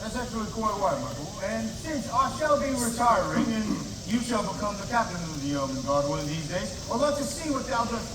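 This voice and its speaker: A man's voice: high-pitched, sing-song, a little fast, hardly any pauses, crowd noise. A man playing a commanding captain of the royal guard in a live comic fair show, theatrical and speaking mock-archaic English. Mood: encouraging. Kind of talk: live comic stage performance with audience participation. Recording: distant, echoey, noisy outdoor fairground recording.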